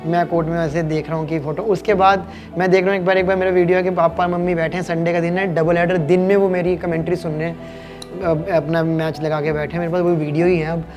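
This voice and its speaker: A man's voice: on the high side, fast talker, lo-fi sound, over music. A man in his late thirties from Haryana, a cricket commentator telling personal stories in a podcast interview, acting out the voices of the people in them. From Kurukshetra, Haryana, India. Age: late 30s. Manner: animated anecdotal storytelling, acting out voices.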